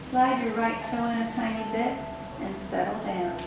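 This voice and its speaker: A woman leading guided tai chi as an instructor, giving step-by-step movement directions in unhurried, measured phrases. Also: on the high side, creaky. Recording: very echoey room, distant mic, music behind.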